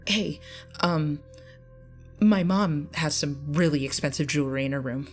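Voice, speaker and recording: A woman's voice: low-pitched, unhurried. A woman narrator voicing a frightened teenage girl who stutters nervously, over faint music.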